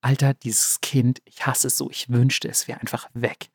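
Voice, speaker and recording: A man's voice: medium pitch, little pitch movement, moderate pace, husky, no echo, clean studio sound. A man voicing a spiteful, nagging stepmother in a fairy tale retelling, with slangy grumbling.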